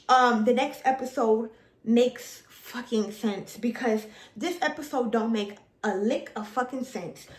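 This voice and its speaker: A woman's voice: on the high side, a bit bright. Blunt, profane woman ranting in an echoey room. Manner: blunt, profane, exasperated, repeats herself. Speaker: reality TV reaction vlogger. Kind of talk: casual ranting commentary.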